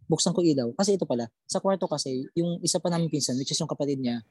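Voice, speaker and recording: A young adult telling a personal ghost story in casual conversation, halting and repeating words while recalling details. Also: mid-range voice, a little mellow, slightly rough.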